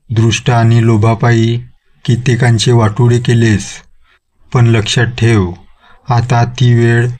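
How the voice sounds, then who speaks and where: A man's voice: mid-range voice, darkish tone, natural voice. A man voicing a stern, commanding old male guru who casts out a witch-ghost in a storybook horror tale. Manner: commanding, lecturing.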